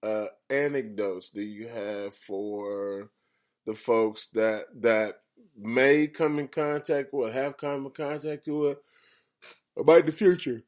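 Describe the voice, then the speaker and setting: A man's voice: mid-range voice, slow pace, a little mellow. A man interviewing in a casual chat, rambling and slangy, often repeating his openers before he gets to the question.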